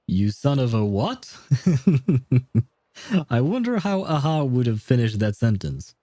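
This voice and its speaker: This livestreamer rambles through informal chat and commentary on his video game, dropping the occasional mild swear. He speaks unhurriedly in a medium-pitched, sing-song, dark-toned voice, with no room sound in his dry indoor setup and faint game music playing.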